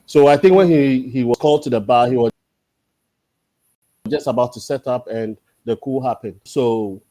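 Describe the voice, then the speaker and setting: A man around forty, a guest in a casual interview, talking thoughtfully and pausing often on drawn-out fillers. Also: mid-range voice, warm tone, no room sound. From Ghana. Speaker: podcast guest.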